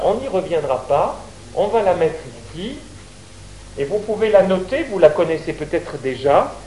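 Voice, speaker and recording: A man's voice: high-pitched, a little hiss or hum, rough recording. A man teaching the Bible to a congregation, asking them questions as he goes. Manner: lively, questions the audience.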